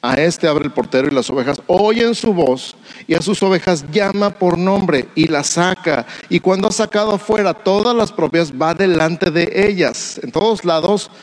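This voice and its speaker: A man's voice: a little high, poor audio. A man preaching a sermon to pastors, repeating refrains and putting rhetorical questions to his listeners.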